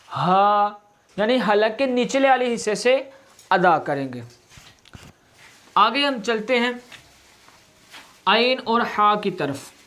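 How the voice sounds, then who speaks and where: A man teaching a recitation class step by step, drawing out each sound slowly and deliberately to demonstrate it. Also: very high voice, sharp tone. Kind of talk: step-by-step lesson.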